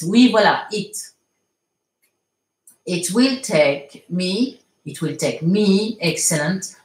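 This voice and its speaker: A woman's voice: mid-range voice, echoey room. A woman teaching English in a live online lesson, patiently reading out viewer comments and correcting them step by step. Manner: slow, patient, explains step by step, frequent fillers.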